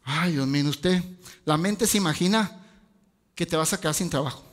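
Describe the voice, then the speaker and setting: High-voiced preaching man. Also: moderate pace. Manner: lively preaching with rhetorical questions and asides. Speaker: pastor. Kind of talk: sermon. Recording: long hall reverb.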